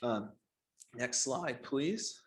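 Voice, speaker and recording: A man's voice: medium pitch, lively intonation, drawn-out words. Man, school principal, upbeat presentation, video call, repeats himself. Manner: upbeat, repeats "again" and "right?". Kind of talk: board meeting presentation.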